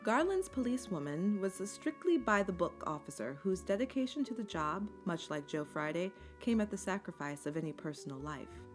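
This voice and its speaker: A woman giving scripted documentary narration in a measured, articulate storytelling manner. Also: fairly low pitch, big pitch swings. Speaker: video essay narrator. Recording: music bed under the voice. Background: instrumental music.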